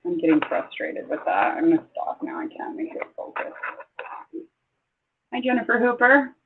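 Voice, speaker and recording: An older woman hosts a casual livestream, chatty and quick to get excited, with exclamations and rambling asides. Her voice comes through thin and phone-like, as if it were captured on a handset or webcam. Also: on the high side, breathy edge. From Southeast Idaho, USA. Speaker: livestream host. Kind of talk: casual live-stream chat. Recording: tinny phone-like sound.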